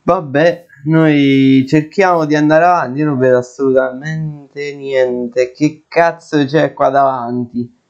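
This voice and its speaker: A young man talks through a video game, jumpy and quick to cry out or curse when startled. His voice sits a little high for a man. The recording is muffled and lo-fi. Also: fairly even intonation, a little mellow. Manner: jittery, exclaiming and swearing in fright. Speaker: gaming video creator. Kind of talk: let's play commentary. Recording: dull lo-fi sound.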